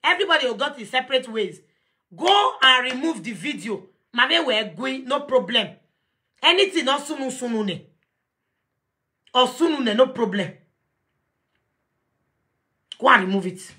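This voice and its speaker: A woman with a Nigerian accent hosting a live video call, animated and confrontational, mixing Pidgin English. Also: high voice, unhurried, pauses often. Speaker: talk show host.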